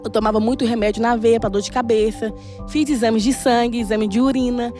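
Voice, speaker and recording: A middle-aged woman telling a personal testimony in a casual, animated way and acting out the dialogue. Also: on the high side, a little fast, faint music behind. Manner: animated, laughing often, acts out dialogue. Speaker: church guest sharing a testimony.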